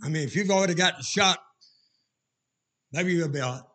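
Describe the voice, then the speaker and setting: A man with a Southern US accent and a raspy voice preaching an informal sermon in a folksy drawl, talking directly to his congregation. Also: a little high, fairly quick, sharp tone. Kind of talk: informal sermon with jokes and shouts of praise.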